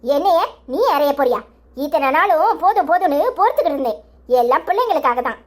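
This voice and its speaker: A performer voicing an indignant, sharp-tongued young wife in a cartoon comedy, with a Tirunelveli Tamil accent and a scolding manner. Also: high voice, lively intonation, quick pace.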